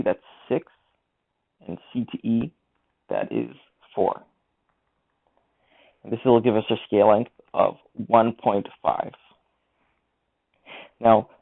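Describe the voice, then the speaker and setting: Gravelly man explaining math step by step. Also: fairly low pitch. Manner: step-by-step explaining, talks through the working aloud. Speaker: math teacher. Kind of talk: screen-recorded lesson walkthrough. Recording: tinny lo-fi mic.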